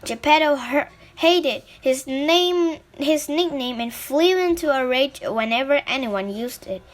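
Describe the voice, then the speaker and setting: High-voiced woman reading a storybook slowly. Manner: slow, deliberate reading with small slips and restarts. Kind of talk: reading a children's storybook aloud.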